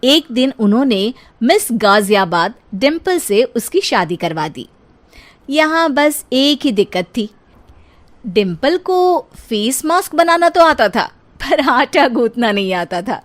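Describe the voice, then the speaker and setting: A woman's voice: fairly high pitch, big pitch swings, takes it slowly. A woman narrating a light comic cartoon story in a playful, teasing way.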